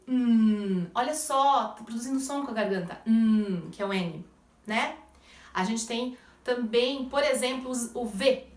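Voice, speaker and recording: A woman teaches English pronunciation in Portuguese, her voice on the high side with a sharp tone, captured on a distant mic in a reverberant space. She explains step by step and checks in with the listener often.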